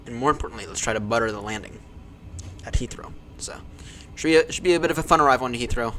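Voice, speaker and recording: A man's voice: medium pitch, fast talker, fairly bright tone, a little hiss or hum. Man on a pilot's headset mic. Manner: clipped, procedural cockpit callouts. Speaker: flight simulator streamer playing airline pilot. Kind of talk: live gameplay with pilot radio calls and callouts.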